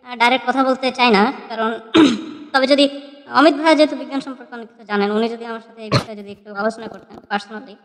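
A man's voice: very high voice, fairly even intonation, fast, fairly bright tone. A male caller on a live call-in debate whose voice runs through a disguiser with heavy cathedral echo, talking hesitantly with many fillers and restarts.

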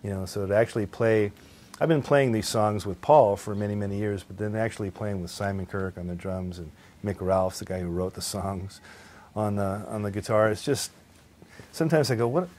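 A man's voice: on the low side, a little fast, darkish tone. A man from California, a guitarist being interviewed at his home, chatting casually, laughing often and acting out little quoted lines as he tells stories. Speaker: guitarist guest. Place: at his home estate by the pool.

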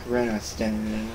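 A young man casually commentating a video game, excitable and swearing, shouting at the screen when things go wrong. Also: on the low side. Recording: noisy home recording.

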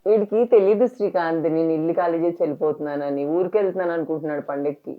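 A woman's voice: low-pitched, fairly even intonation, very fast, narrow, tinny audio, over loud music. A young woman vlogger, talking tenderly and coaxingly to a small child. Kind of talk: casual vlog chat.

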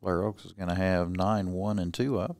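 A man calling play-by-play for a high school baseball game in a plain, matter-of-fact way. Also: normal speed, darkish tone, no room sound, studio quality. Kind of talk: casual play-by-play commentary.

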